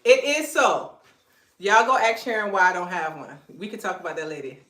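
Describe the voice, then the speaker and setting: A clothing brand owner from Beaufort, South Carolina, with a Gullah Geechee accent, hosts a casual fashion livestream from home, animated and chatty as she tosses teasing remarks at her husband between points. Her voice is fairly low and a little fast, in an echoey room.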